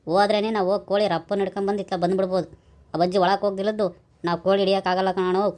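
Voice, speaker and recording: A woman's voice: mid-range voice, little pitch movement, very fast, a little mellow, lightly acted. Woman doing a fussy talkative village man. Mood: explaining. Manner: fussy, correcting, pleading. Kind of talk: village comedy skit.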